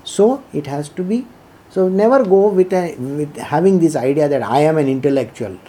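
A spiritual teacher with an Indian accent and a soft, mellow tone at a middling pitch. The delivery moves between devotional reading and informal explanation. Points are made didactically, with key phrases repeated for emphasis. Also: lively intonation, moderate pace.

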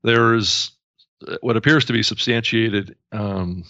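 A man hosting a podcast in casual chat, speaking haltingly with many fillers. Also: fairly low pitch, steady tone, sharp tone, dry recording. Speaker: podcast host. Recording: dull dry lo-fi sound.

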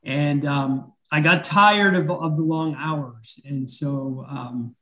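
A man on a video call, answering interview questions as a bank president in an unhurried way, with frequent fillers and throat-clearing. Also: a little high, bright, forceful tone, low-quality recording.

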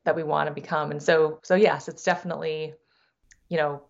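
A middle-aged woman, a native Thai speaker raised in the United States, appears as an investor guest on a podcast interview. Her deep voice is flat, a little fast and creaky, and the recording sounds muffled. She speaks reflectively, often restarting sentences and repeating words.

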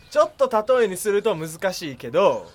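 A young man with a Kansai accent chatting casually and playfully, laughing often. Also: high voice. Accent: Kansai Japanese. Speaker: conversation partner. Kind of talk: casual chat.

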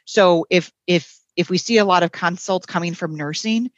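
A woman's voice: fairly low pitch, moderate pace, no room sound, muffled recording. A woman, a guest on a podcast, explaining her points frankly with some fillers. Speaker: health system ethics executive, guest. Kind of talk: conversational interview answer.

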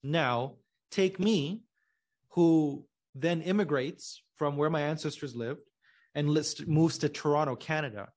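Brief: male podcast guest from Pakistan, somewhat high voice, patient explainer, casual tone. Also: measured pace, a little mellow. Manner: explains patiently, checks in with "right?". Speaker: guest, genetics company co-founder. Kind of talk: casual conversational interview.

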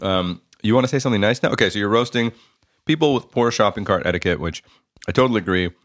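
A man's voice: lowish voice, fast talker, no echo, clean studio sound. A man, co-hosting a casual chat podcast, joking and talking between bites of food. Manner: joking, talks while eating. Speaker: podcast co-host.

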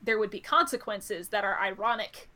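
Bright-voiced woman theorizing casually. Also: mid-range voice, moderate pace. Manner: thinks aloud, theorizing with many "like" fillers. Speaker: podcast co-host. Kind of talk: casual chat about a TV episode.

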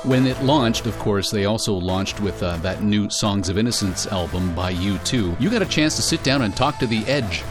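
A man's voice: on the low side, lively intonation, moderate pace, few pauses, music in the background. A man co-hosting a tech podcast, joking and chatting casually. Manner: playful, joking. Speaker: podcast co-host.

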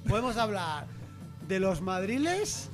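High-voiced teasing male co-host. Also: sing-song, unhurried, over music. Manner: playful, teasing. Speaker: radio show co-host. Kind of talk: casual banter.

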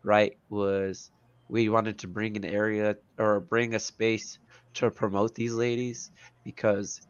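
A man's voice: fairly low pitch, flat delivery, takes it slowly, clean tone, no room sound, dull audio. A man with a congested, stuffy nose from allergies, chatting casually about sports as a podcast co-host. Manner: stuffy-nosed, nasal. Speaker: podcast co-host, soccer coach.

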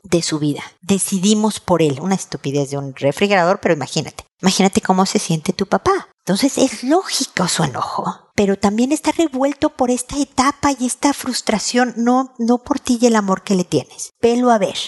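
A middle-aged woman with a Mexican Spanish accent, hosting an advice podcast and talking gently and directly to her listener. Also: medium pitch, lively intonation, normal speed, few pauses. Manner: gentle, conversational, talks straight to the listener. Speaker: advice show host.

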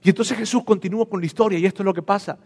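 A high-voiced male preacher delivers a sermon as dramatic storytelling, turning often to address his listeners directly. His voice carries the long reverb of a large hall. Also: steady tone, rapid-fire, gravelly, a little mellow.

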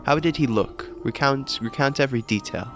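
A man playing a tabletop game, questioning in character with a halting, stammering delivery that repeats words. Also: mid-range voice, soft background music. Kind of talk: improvised role-play, questioning in character.

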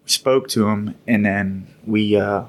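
A man's voice: fairly low pitch, steady tone, a little slow. A man casually recounting stories from his military service on a podcast, in a rambling, laid-back way with occasional laughs. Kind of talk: casual storytelling.

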